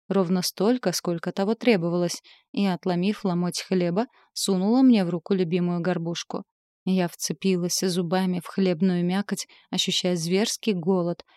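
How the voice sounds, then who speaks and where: A woman reading a first-person fantasy story aloud with a steady, even delivery. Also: fairly low pitch, no echo, clean studio sound. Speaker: audiobook narrator.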